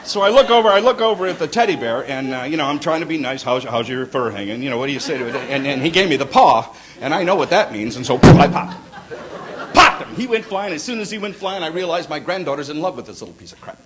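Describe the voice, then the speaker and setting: An older man working a comedy club stage, telling a long stand-up story in a fairly high voice. He slips into squeaky put-on voices for the other people in his tales. The live recording carries steady background noise. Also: fast. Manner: gruff storytelling, puts on high squeaky voices for kids and wife.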